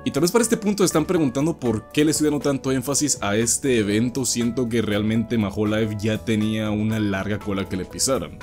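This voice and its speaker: A man's voice: mid-range voice, a little fast, few pauses, a little mellow. A man delivering scripted video commentary in an emphatic, explanatory way. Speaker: video essay host. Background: background music.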